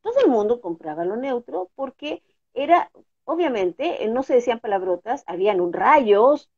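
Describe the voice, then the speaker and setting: A woman's voice: a little high, very animated, normal speed, a little mellow, breathy edge. A Chilean woman, a dubbing actress and teacher, explaining her craft in an interview, often checking in with her listener. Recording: dull lo-fi audio.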